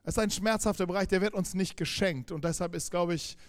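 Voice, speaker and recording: High-voiced emphatic German preacher man. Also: brisk. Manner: emphatic, growing quiet and intense. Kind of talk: sermon.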